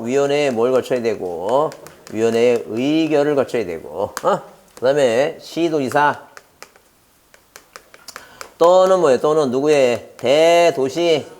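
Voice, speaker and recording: A middle-aged man giving an exam-prep lecture, constantly quizzing his students with rhetorical questions and drilling memory tricks. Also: medium pitch. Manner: mnemonic chanting, lively delivery.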